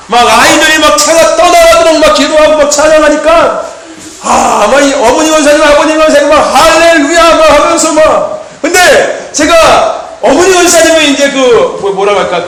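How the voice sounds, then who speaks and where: A man preaching a sermon, telling stories with lively energy and punching key lines with shouted emphasis and calls of amen. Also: extremely high pitch. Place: church hall. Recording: echoey church hall. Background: congregation answering amen.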